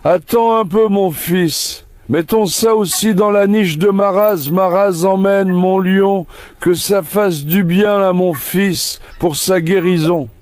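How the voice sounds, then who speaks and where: A man's voice: high-pitched, fairly even intonation, slow pace, darkish tone, clean tone, no echo. A man breeding dogs, talking casually as he feeds them outdoors, calling each one with coaxing, affectionate words. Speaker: dog breeder feeding his dogs. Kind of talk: casual vlog narration while feeding dogs. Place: outdoor farm with dog kennels.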